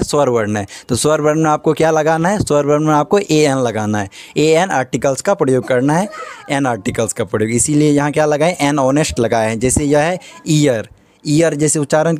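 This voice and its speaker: A man's voice: a little high, darkish tone, dry recording. A male teacher giving a grammar lesson, asking questions and answering them himself again and again.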